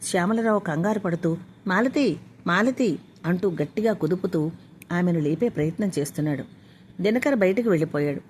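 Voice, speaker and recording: A woman storyteller reading a scripted story aloud in a steady, even way. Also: lowish voice, brisk, slight background noise.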